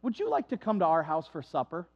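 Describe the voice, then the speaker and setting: Priscilla, a chatty hostess, as a preacher tells it. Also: male voice, on the high side, huge pitch swings, fast, big-room sound, dull audio, voice pushed down. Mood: friendly. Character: friendly welcoming woman hostess, Priscilla.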